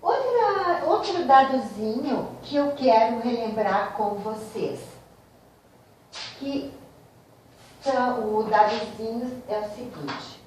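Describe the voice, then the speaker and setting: A woman teacher talks her students through a grammar lesson, unhurried and explaining each step. Her voice sits on the high side. It rings around a very echoey room, picked up from a distance. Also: a little mellow, a little hiss or hum. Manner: slow, explanatory, addresses students directly.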